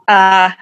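A woman's voice: mid-range voice, a bit bright, smooth, rough recording. A woman in her fifties, a musician being interviewed, who talks in a reflective way and laughs often between thoughts. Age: 50s. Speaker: musician guest. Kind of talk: casual interview.

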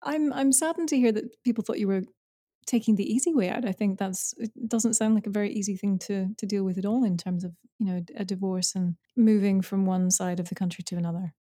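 A woman's voice: medium pitch, fairly even intonation, brisk, dark tone, dry recording, clean studio sound. A Scottish woman hosting a podcast interview, chatty and given to playful asides. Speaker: podcast host. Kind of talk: casual interview chat.

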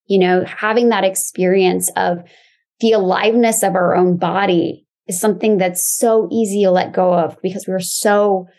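A woman's voice: medium pitch, fairly even intonation, moderate pace, a little mellow. A woman who teaches movement, explaining her ideas in a conversational, reflective way as an interview guest. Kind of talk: casual explanatory chat.

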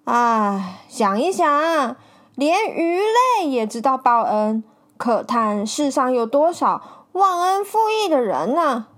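A woman voicing an impatient, boisterous man who exclaims and complains loudly in a storybook tale. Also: sits high, very animated, slow pace, exaggerated voice. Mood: earnest. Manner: loud, exclaiming, whiny complaints.

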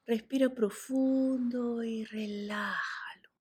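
Slow, breathy woman guiding meditation. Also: on the high side, fairly even intonation. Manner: slow, soft and soothing, with breathy whispered cues. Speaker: meditation guide. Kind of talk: guided relaxation meditation.

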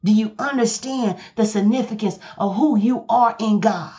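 A woman's voice: on the high side, moderate pace, mellow, lo-fi sound. A woman preaching a sermon, firing emphatic rhetorical questions at her congregation.

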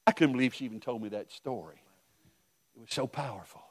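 A middle-aged male pastor preaching a sermon, telling stories and swinging from hushed asides to loud outbursts. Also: mid-range voice, quick pace.

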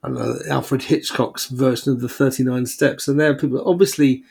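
A man in his sixties co-hosting a podcast in casual chat. He speaks in a measured, thoughtful way and hums along while listening. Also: medium pitch, steady tone, gravelly, a little mellow, breathy edge. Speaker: podcast co-host.

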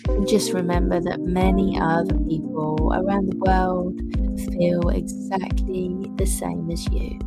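A woman host leading a guided meditation in a soft, soothing, unhurried way. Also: on the low side, flat delivery, vocal fry. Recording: music playing behind the voice. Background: instrumental music.

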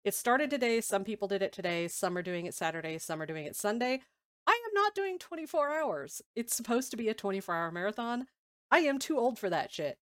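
Female podcast co-host, stuffy nose, getting over an illness; smooth, clear tone, close dry sound, casual delivery. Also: mid-range voice, very animated, a little fast, dry recording. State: recovering from covid. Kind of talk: casual live-stream chat.

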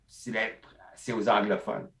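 A man's voice: lowish voice, unhurried, creaky. A man with an Acadian French accent, a podcast guest talking casually and switching into English often. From Acadia, eastern Canada. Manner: mixes English into his French, animated storytelling. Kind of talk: casual conversation.

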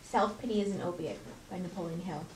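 A woman's voice: lowish voice, distant mic. Woman reading aloud in an echoey hall. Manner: slow, careful, measured reading. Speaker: seminar participant reading aloud. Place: large seminar room. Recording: echoey room from afar, faint noise.

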